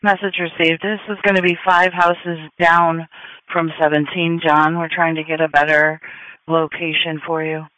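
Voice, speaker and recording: A man's voice: a little high, flat delivery, normal speed, sharp tone, no room sound. A man working as an emergency dispatcher, giving clipped, procedural acknowledgements over a dull radio channel.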